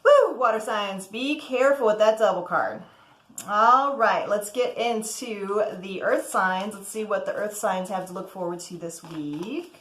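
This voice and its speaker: A woman's voice: medium pitch, measured pace, a bit bright, echoey room. A woman giving a casual, chatty tarot reading as host, often checking in with "okay?" and letting out cheerful whoops. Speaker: tarot reader.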